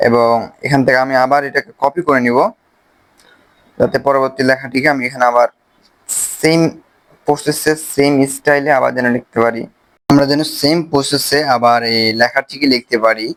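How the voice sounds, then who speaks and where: A man with a Bangladeshi Bengali accent, casually explaining a phone video-editing app step by step, with pauses as he clicks. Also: medium pitch, steady tone, a bit bright. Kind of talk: screen-recorded software tutorial.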